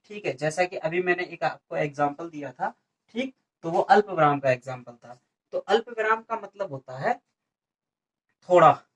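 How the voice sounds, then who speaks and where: A man from India teaching a Hindi grammar lesson for an exam coaching class, who asks questions and answers them himself and keeps adding "okay". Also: sits high. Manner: repeats questions and answers them, frequent "ठीक है" fillers.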